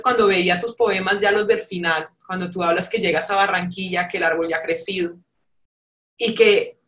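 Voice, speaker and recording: A woman interviewer and writer speaks reflectively in a literary conversation. Her voice sits at an average pitch. The sound is noticeably roomy, with audible reflections around the words. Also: fairly bright tone.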